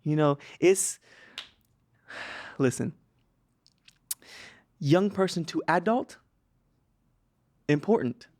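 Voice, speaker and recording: A man as a podcast guest, joking in a mock-solemn, deadpan way with pauses and repeats. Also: on the high side, no echo. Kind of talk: comic deadpan chat.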